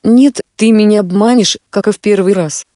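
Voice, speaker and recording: A woman storyteller puts on a cheeky young peasant who stays unafraid and quick with a retort. The tone is warm and soft. The recording is dry. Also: mid-range voice, no echo, natural voice. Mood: bold. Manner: fearless and mocking.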